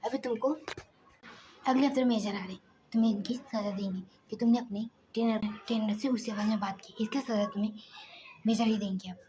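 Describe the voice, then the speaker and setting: A woman's voice: mid-range voice, steady tone, brisk, mellow, close to an everyday voice. A woman voicing a strict female senior officer who speaks sharply and commandingly, over a noisy hiss.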